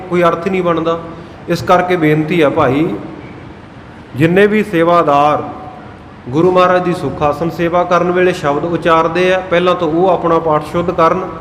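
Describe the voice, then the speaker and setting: Man, preacher, slow chanted lines, somewhat high voice, echoey hall, faint noise. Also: fairly bright tone. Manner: chants scripture lines slowly, then explains. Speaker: Sikh preacher (giani). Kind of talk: gurbani pronunciation sermon.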